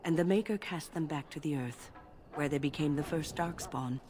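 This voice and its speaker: An actress playing a wise female mage in a video game, explaining lore in a measured, solemn way. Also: deep voice, a crowd in the background, lightly acted. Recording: game audio with loud music behind.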